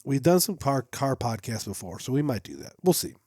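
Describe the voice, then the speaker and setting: A man's voice: mid-range voice, fairly quick, slightly rough, no room sound, clean studio sound. A young man co-hosting a hunting podcast, chatting casually in a rambling way full of asides. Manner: rambling and animated, trailing off into asides. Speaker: podcast co-host. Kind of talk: casual chat. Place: small hunting shop studio. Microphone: headset or boom mic.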